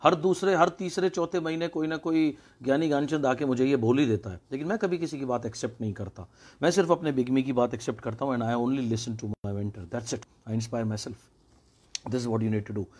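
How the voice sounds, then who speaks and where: A man tells a motivational fable with energy. He acts out the voices of a crowd as he goes and slips English phrases in among his Hindi. His voice sits in a middle pitch. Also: moderate pace, a little mellow. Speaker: motivational speaker. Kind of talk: motivational storytelling talk.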